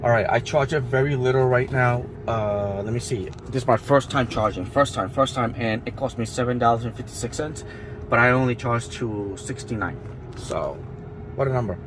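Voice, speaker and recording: A rideshare driver with a mid-range voice talks casually to the camera from his car at normal speed, background noise behind him. Tired and losing his voice, he stays upbeat, rambling loosely and repeating his catchphrases as he narrates his vlog while driving.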